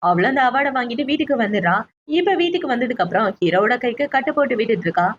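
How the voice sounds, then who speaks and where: A woman narrating a drama recap as a story, briskly retelling each scene and speaking the characters' lines herself. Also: a little high, lively intonation, dull audio, slight background noise.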